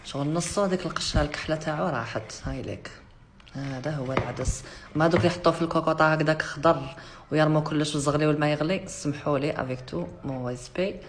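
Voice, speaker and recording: A fast-talking, low-voiced woman with an Algerian Arabic accent runs a home cooking demonstration, teasing her viewers and dropping French words. Her voice rings around a bare kitchen over the loud sizzle of a frying pan. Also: roomy sound, a little hiss or hum. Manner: chatty and sassy, teasing the viewer, slips into French. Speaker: cooking vlogger.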